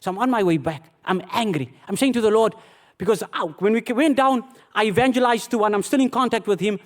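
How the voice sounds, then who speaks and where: A man, a pastor, telling a personal testimony in a sermon, animated and self-mocking, calling his listeners beloved. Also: sits high, a little fast.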